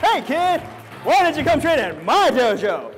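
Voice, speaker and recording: Man playing a very high, boastful karate master. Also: sing-song, normal speed, some chatter behind. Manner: cocky, showy. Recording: echoey hall, faint music.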